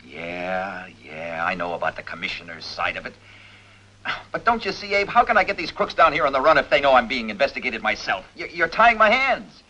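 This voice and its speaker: A tough police captain who talks fast and clipped, with a bright, husky edge. He presses hard and does not let up, and the old film sound is dull and lo-fi. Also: medium pitch, animated. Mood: weary, determined. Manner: clipped, forceful, hard-nosed interrogating. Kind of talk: 1950s film acting. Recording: dull lo-fi 1950s film audio.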